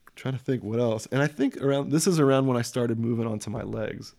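Gravelly, rambling laid-back guy. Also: medium pitch, fast talker, mellow, no echo, clean studio sound. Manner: rambling, slangy, full of "like" and swearing. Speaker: guest telling tattoo stories. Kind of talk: casual chat.

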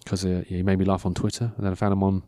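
A low, warm voice with little pitch movement rattles along very fast, with no room sound. It's a man in his thirties meandering through a casual monologue, interrupting himself, losing his train of thought, and mocking himself in a dry way.

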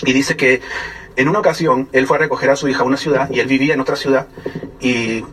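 A man's voice: mid-range voice, steady tone, fast talker, fairly bright tone, slightly rough. A man with a Mexican accent telling a story to an audience in a conversational way and often asking them questions. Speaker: speaker giving a testimony. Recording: voice from far off the mic.

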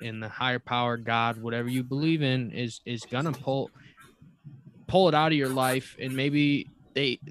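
Male guest, casual chat, halting and reflective, mid-pitched voice. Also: fairly bright tone, clean tone, no room sound. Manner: halting, reflective, many restarts. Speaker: podcast guest.

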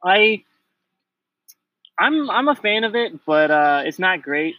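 A man's voice: sits high, sing-song, slow pace, no echo, lo-fi sound. A man co-hosting a casual podcast from home, leading the questions and cracking self-deprecating jokes. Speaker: podcast co-host. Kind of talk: casual chat. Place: home, at night.

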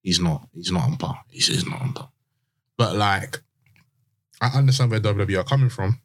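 A man's voice: low voice, expressive, moderate pace. A man with a London accent chatting casually in slang, repeating his points for emphasis. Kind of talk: casual chat.

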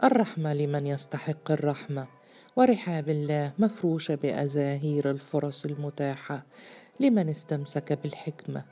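A woman reads a storybook aloud, voicing a male jinn released from a bottle. Her voice is low-pitched and dark, moving a little fast as the stern, mocking jinn delivers scornful, severe sermons.

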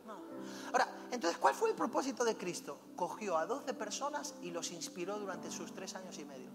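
A male pastor delivers a fervent, exhorting sermon and drops personal stories into it. His high voice carries through a long-reverb hall while music plays underneath. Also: big pitch swings, a little fast.

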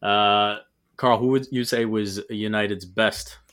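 Low-voiced man hosting football talk. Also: steady tone, measured pace, a bit bright. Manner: moderating, passes questions to others. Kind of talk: casual sports chat.

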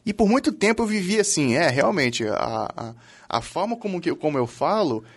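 Reflective host, higher voice. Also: male voice, very animated, moderate pace, slightly rough. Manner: reflective, personal.

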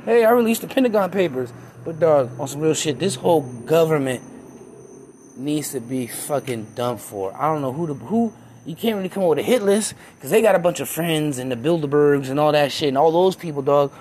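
A man's voice: fairly high pitch, a little fast, a little mellow, slight background noise. A young man talking in a heated, profane, rambling rant as a self-described conspiracy theorist. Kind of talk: casual rant.

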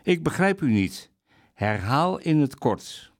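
A man's voice: on the high side, big pitch swings, takes it slowly, no room sound, studio quality, pitched above the performer's own voice, full character voice. A man doing a robotic phone-menu computer voice. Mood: mechanical. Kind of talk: reading a short humorous column aloud.

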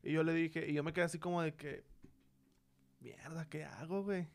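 High-voiced Mexican man, slangy storyteller. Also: fairly even intonation, normal speed, creaky. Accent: Mexican Spanish. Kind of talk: casual chat among friends.

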